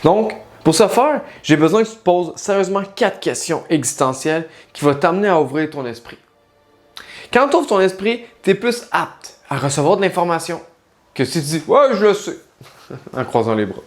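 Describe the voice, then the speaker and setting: A man's voice: on the high side, sing-song, normal speed, soft background music. A man, a life coach and spiritual guide, speaking in a casual direct-to-camera monologue, talking straight to the listener and asking many rhetorical questions.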